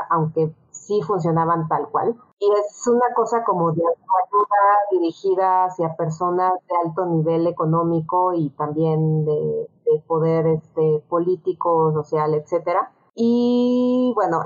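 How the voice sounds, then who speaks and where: A woman talks through a recommendation on a podcast, pausing often and picking her words with many fillers. Her voice sits low. The recording sounds dull and lo-fi. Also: darkish tone. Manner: thoughtful, halting, many fillers. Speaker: podcast guest. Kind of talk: casual chat.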